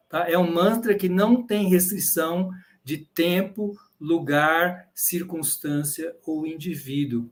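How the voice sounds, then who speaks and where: A man with a Brazilian Portuguese accent giving an explanatory talk to a live audience, checking in with frequent tag questions. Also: high-pitched. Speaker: lecturer on bhakti yoga.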